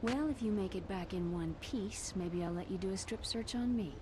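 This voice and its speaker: A woman's voice: mid-range voice, normal speed, close to an everyday voice. A woman voicing a composed military doctor, cool and teasing, in a video game. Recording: clear background noise.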